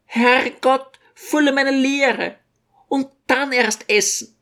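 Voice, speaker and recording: A man reading an audiobook and voicing a fussy, pious, tearful old mother in a high, pleading voice. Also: fairly even intonation, slow pace, sharp tone, full character voice. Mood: fretting. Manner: pleading, fretful, high-pitched. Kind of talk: audiobook character voice.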